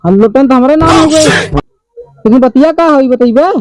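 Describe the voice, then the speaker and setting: A man's voice: very high voice, moderate pace, soft background music, poor audio. A man with an Awadhi accent playing a henpecked villager in a rustic comedy sketch, pleading and wailing theatrically.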